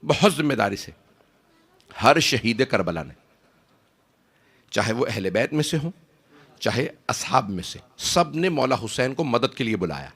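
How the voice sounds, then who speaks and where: Male preacher, emotional sermon, dramatic, swears oaths, cries out, animated pitch. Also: pauses often, slightly rough. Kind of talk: impassioned mourning sermon.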